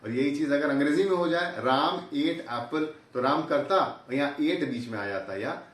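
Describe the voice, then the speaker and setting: A man's voice: on the high side, animated, normal speed, recorded from a distance. A man teaching a lesson, laying out his points one by one with plenty of examples and sprinkling in English terms. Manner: explains step by step with examples, mixing in English terms. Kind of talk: lecture explaining linguistics. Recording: roomy echo, voice from off-mic.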